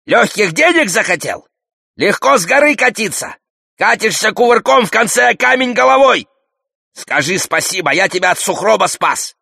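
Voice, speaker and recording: A scheming hunchbacked warlord shrieks his taunts in a high, piercing voice, as a male reader puts him on. He needles and threatens in sharp bursts, crackling with grit. The audiobook recording is close and dry. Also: big pitch swings, moderate pace, vocal fry, slightly rough, dry recording, full character voice. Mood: taunting. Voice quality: shrill, shouting. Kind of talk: audiobook character voice.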